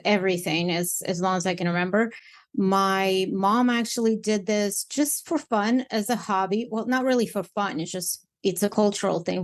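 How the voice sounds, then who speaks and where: Blunt, candid woman matchmaker guest. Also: medium pitch. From Ukraine. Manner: candid, blunt, animated with repeated restarts. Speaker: matchmaker and dating coach guest. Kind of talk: casual interview chat.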